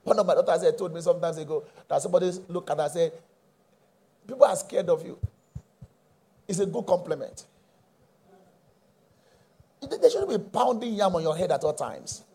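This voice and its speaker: Pastor, very high voice, husky, call-and-response sermon, shouting bursts. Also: male voice, expressive, moderate pace, long pauses.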